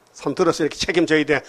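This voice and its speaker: An older man preaching a sermon in a church, animated and firing rhetorical questions at the congregation. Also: a little high. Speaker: pastor. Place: church sanctuary.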